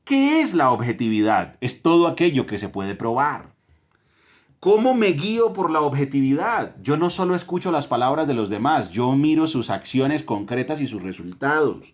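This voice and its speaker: A man's voice: medium pitch, big pitch swings, moderate pace. A man with a Colombian accent, teaching a Bible lesson to his family, emphatic, with rhetorical questions and repeated phrases.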